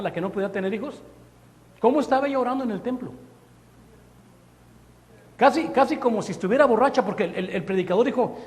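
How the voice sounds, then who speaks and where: Male preacher, high-pitched, animated storytelling sermon, echoing church hall. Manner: lively storytelling, acting out quotes, rhetorical questions. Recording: long hall reverb in a church.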